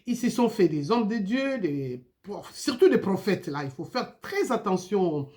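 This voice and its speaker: A woman preaches in an informal video sermon. Her pitch leaps up and down as she fires off rhetorical questions, tagging many lines with a quick "hein?". Her voice sits in a middle register. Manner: animated, full of rhetorical questions and tag "hein?".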